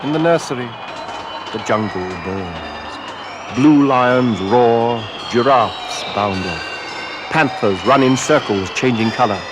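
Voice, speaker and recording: In a noisy 1970s radio drama full of loud sound effects, a man with a mid-range voice narrates a story intensely and theatrically. His pace is slow and his intonation lively, like a scripted production.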